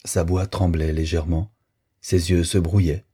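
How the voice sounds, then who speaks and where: A man narrating a novel as an audiobook, in a steady, measured storytelling manner. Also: sits low, breathy edge.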